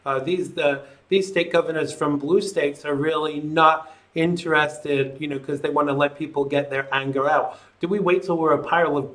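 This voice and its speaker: A man's voice: a little high, fairly bright tone. A man hosting a live call-in show, talking in an opinionated, sardonic and conversational way.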